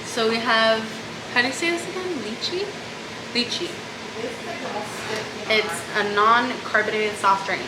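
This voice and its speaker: A young woman chatting casually at home beside her sister, relaxed and sometimes searching for the right word. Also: fairly high pitch, normal speed, few pauses. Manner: relaxed, a little unsure, searching for words. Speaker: host's sister, co-host. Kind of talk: casual chat. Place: home kitchen. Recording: echoey room with background hiss.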